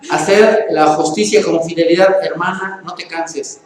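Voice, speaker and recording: High-ish pastor preaching, chatty, asks the room stuff, big echo, long reverb, faint hiss behind. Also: male voice, fairly even intonation, measured pace. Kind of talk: sermon. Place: church hall. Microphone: handheld or stand microphone. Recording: very echoey church hall with long reverb.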